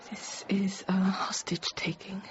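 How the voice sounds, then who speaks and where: A radio drama actress in her 30s narrates an intimate first-person monologue as a frightened young Parisian nursery teacher recounting a siege, keeping it controlled. Her medium-pitched female voice barely moves in pitch and stays in a tense whisper, lightly acted, halting and fragmented, often falling to a hush. The recording is dull and noisy.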